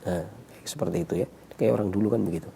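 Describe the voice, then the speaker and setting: Male health consultant, gravelly and mellow, explanatory and repetitive, with faint noise behind. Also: fairly low pitch, expressive, fast. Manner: repetitive, checking with 'ya'. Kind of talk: explanatory advice to callers.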